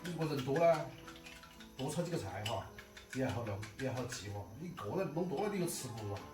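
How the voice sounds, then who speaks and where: Lively Sichuan-Chongqing man, echoey room. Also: mid-range voice, brisk. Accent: Sichuan-Chongqing Mandarin. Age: middle-aged. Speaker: food vlogger. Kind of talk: casual chat while cooking and eating. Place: indoors, home cooking area. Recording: roomy echo, distant mic, faint music.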